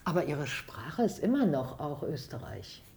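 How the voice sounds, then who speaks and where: A woman with a fairly low voice hosts a relaxed podcast conversation at a guest's home. She is chatty and curious and keeps the talk moving with quick questions. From Hesse. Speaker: podcast host. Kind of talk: casual interview.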